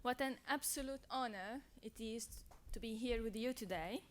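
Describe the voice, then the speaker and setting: Young syrian woman youth advocate, earnest measured speech, voice sits a bit high. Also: slight background noise. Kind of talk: prepared speech.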